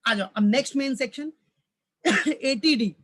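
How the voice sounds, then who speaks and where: A man's voice: extremely high pitch, a little slow. A man teaching a recorded lecture who calls his students "beta", repeats each point, and keeps asking questions that he answers himself. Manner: fatherly, addresses students as "beta". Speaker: college commerce lecturer. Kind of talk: recorded tax lecture in mixed Hindi and English.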